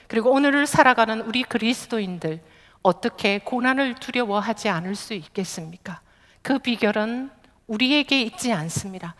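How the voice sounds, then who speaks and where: A woman pastor giving an earnest sermon, gently voicing quoted words of Jesus. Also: a little high. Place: large church sanctuary. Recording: long hall reverb from a church.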